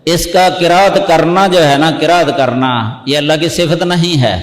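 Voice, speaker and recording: A man with a fairly high voice teaches a religious lesson in a patient, explanatory way. He slows down and repeats key words so that they sink in. His voice rings through a roomy hall with a long echo tail. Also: steady tone. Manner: explanatory, repeats key terms slowly for emphasis. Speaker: Islamic scholar teaching hadith. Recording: echoey hall with long reverb.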